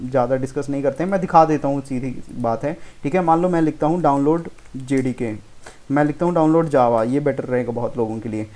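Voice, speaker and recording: Fast and dark-toned in the mid range, this man teaches programming in a relaxed Hindi-English lecture. He's informal, constantly says "okay" and "theek hai," and fixes his own mistakes as he goes.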